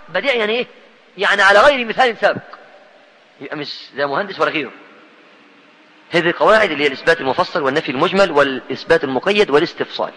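A man's voice: sits high, bright, forceful tone, big-room sound, rough recording. A man with an Egyptian Arabic accent preaching a teaching sermon, emphatic, repeating key points and quizzing his listeners.

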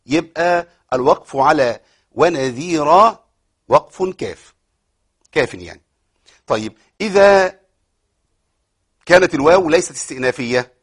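Fast-talking Egyptian man teaching Quran recitation. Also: fairly high pitch, slightly rough. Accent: Egyptian Arabic. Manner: explanatory, asks and answers his own questions, recites verses slowly; many fillers and repeated words. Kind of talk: tajweed lesson on a broadcast program.

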